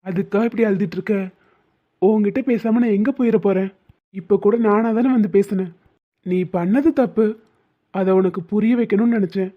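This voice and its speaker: A woman's voice: mid-range voice, fairly even intonation, normal speed, pauses often, lightly acted. A woman voicing a young husband in a cartoon, doting and teasing, coaxing with playful scolding. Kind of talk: cartoon dubbing. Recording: tinny phone-like sound.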